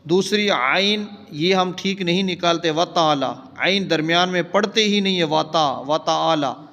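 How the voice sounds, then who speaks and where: A man's voice: sits high, fairly bright tone. Urdu-speaking man chanting recitation, echoing hall. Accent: Pakistani Urdu. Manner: slow, drawn-out chanting of example words between quick explanations. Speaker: Islamic scholar teaching prayer recitation. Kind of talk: recitation lesson with chanted examples.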